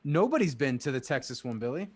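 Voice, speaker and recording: A man's voice: sing-song, quick pace. A man co-hosting a casual baseball watch-party podcast, joking and laughing with friends. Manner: laughing, playful, mimics friends in high squeals. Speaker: podcast co-host.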